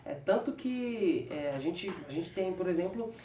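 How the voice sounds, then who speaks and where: A man's voice: sits high, lively intonation, measured pace, warm tone, slight background noise. A man hosting a podcast, chatting casually and affirming what his guest says. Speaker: podcast host. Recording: roomy, distant from the mic.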